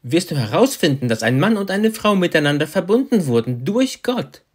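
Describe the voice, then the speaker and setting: Lively man interpreting a sermon. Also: high voice, normal speed. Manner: renders each phrase right after the preacher.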